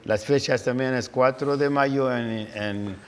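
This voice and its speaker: A man's voice: mid-range voice, slow pace, clear, resonant tone, long reverb tail. A man hosting a TV interview, affirming his guest with short "ujú" and "ok" replies and then making his own points. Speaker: TV show host. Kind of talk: conversational TV interview.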